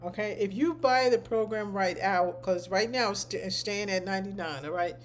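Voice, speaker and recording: A deep-voiced woman who teaches medical coding chats casually with her class on a live stream at a moderate pace. She rambles and repeats points for emphasis, with a slight hiss or hum on the audio.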